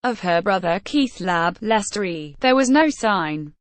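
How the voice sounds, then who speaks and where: Woman, mid-pitched, steady reader for a news sketch, very dry sound. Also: a little slow, dry recording. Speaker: article reader. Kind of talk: read-aloud news column.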